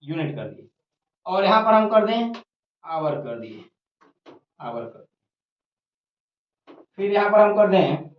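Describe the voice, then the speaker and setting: Lively-pitched tutor teaching grammar step by step, in an echoey room on dull, lo-fi audio. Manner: repeats each point, asks questions and answers them. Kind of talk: whiteboard grammar lesson. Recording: roomy, dull lo-fi recording.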